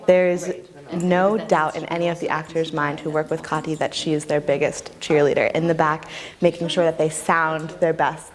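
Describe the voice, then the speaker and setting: A woman speaking warmly and admiringly in an interview about a teacher she works with. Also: low-pitched. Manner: warm, admiring praise.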